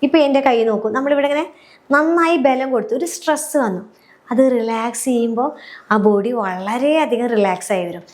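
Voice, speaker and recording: A woman leads a guided relaxation lesson, taking listeners through each breath slowly and in order. Her voice sits fairly high, and she speaks in a calm, patient way. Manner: calm, step-by-step, often checking "clear?". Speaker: happiness coach.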